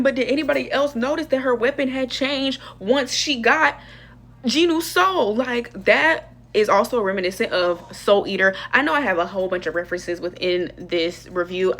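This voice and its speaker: A young woman giving a casual, slangy movie review in a chatty, expressive way. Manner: chatty, expressive, slangy, lively pitch swings.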